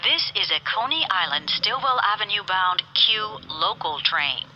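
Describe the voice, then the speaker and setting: A woman reading scripted public transit announcements in an airport-announcement style, enunciating clearly in formulaic, separate phrases. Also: medium pitch, lively intonation, measured pace. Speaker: automated subway train announcer. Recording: muffled train PA, background noise.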